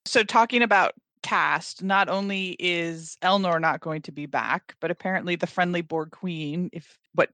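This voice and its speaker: A podcast co-host in a casual discussion, talking in an animated, quick way and often acting out quoted lines with a laugh. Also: mid-range voice, no echo.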